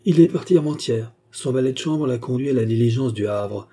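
A man's voice: medium pitch, fairly quick, dark tone, breathy edge. A man reading a stubborn old soldier servant. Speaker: character in a read novel. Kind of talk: audiobook character reading.

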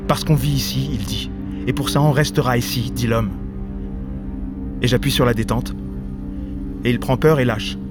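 An actor playing an armed man who coldly recounts a killing in a theatrical monologue, with flat, insistent repetition. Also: mid-range voice, normal speed, long pauses, loud music behind the voice, lightly acted. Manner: flat, insistent repetition, shouts quoted lines. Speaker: stage actor.

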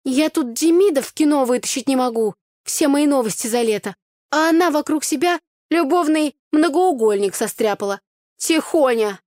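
A woman voicing a lively, teasing young female friend in an audiobook, loud and bubbly. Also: on the high side, moderate pace, dry recording, clean studio sound, voice pushed up, lightly acted.

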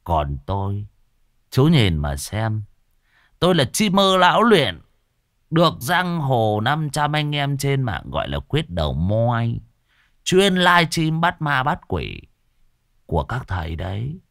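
A scruffy braggart who hunts ghosts on livestream and talks himself up with slow, drawn-out flourishes, as a storyteller puts him on. His voice swoops up and down in mock grandeur. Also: mid-range voice, wildly swooping pitch, fairly bright tone, no room sound, studio quality, pitched above the performer's own voice, heavily acted. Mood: boastful.

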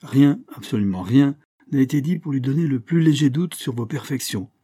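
Brief: a man doing an elderly English solicitor, dry and cutting, measured replies, mellow husky tone. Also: medium pitch, lively intonation, no echo, voice pushed up. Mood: cool. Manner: curt, cold and measured. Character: dry, cutting old English family lawyer.

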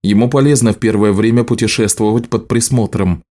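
A man voicing a firm, steady adult husband in an audiobook, speaking calmly in a mid-pitched voice. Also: brisk, natural voice. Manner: calm, firm.

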